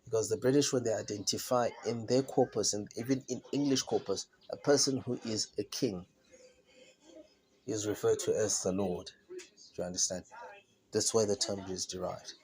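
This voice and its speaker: Male speaker, lowish voice, informal lecture, repetitive and halting, stops to ask if you follow. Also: darkish tone, rough recording. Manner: repetitive, halting with many restarts; asks "do you understand?".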